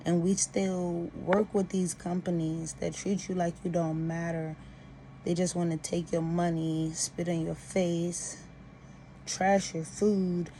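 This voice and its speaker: A woman's voice: on the low side, mellow, slight background noise. A woman venting about personal grievances to camera in an emphatic, aggrieved way.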